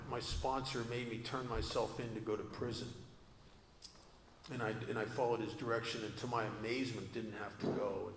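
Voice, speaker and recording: A gravelly, mid-range male voice with slight background noise, recorded in an echoey hall with long reverb. He's speaking at a recovery convention, telling his personal recovery story to an audience in an earnest, confessional way laced with self-deprecating humor.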